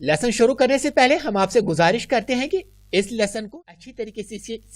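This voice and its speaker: A woman with a Kashmiri accent teaching an online Arabic lesson, drawing out each example word slowly and carefully. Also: on the low side, no echo, clean studio sound. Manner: slow, careful, drawn-out example words.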